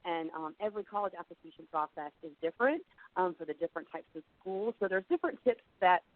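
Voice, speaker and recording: A middle-aged woman working as an admissions director gives a conversational, explanatory webinar presentation, sounding slightly froggy because she's under the weather. Her lowish voice has lively intonation and a fast pace, she says "you know" often, and the recording is dry and narrow-band like a phone.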